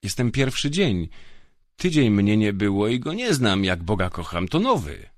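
A man's voice: fairly low pitch, very animated, normal speed, dry recording, studio quality. A man voicing an older, nervous prison guard in an audiobook, making anxious excuses. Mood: pleading. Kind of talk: audiobook character voice.

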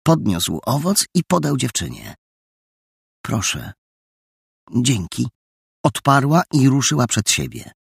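A man reading a story aloud in an expressive, lively storytelling manner. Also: mid-range voice, normal speed, gravelly, hardly any pauses, slightly rough, no room sound, clean studio sound. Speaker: narrator. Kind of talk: audiobook narration.

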